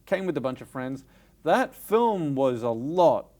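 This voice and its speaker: An Australian man co-hosting a casual chat, emphatic and animated when telling stories. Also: mid-range voice, measured pace. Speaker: podcast co-host. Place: cinema.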